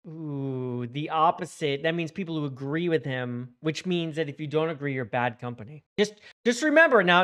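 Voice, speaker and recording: A man's voice: sits high, fairly bright tone. A man reacts in casual, off-the-cuff commentary. He is openly opinionated and scoffs at what he is responding to.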